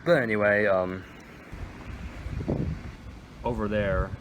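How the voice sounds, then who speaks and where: A man's voice: lowish voice, steady tone, takes it slowly, fairly bright tone, a little hiss or hum, poor audio. A teenage male vlogger chatting casually and in a rambling way, with lots of "like", while walking outdoors in a park. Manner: rambling, filler-heavy with "like". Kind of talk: casual outdoor vlog chat.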